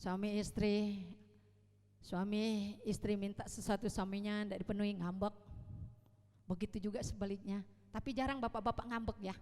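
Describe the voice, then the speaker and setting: A woman preacher with an East Kalimantan Indonesian accent, giving an animated sermon that keeps asking the congregation questions. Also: mid-range voice. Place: church hall. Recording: long reverb of a church hall.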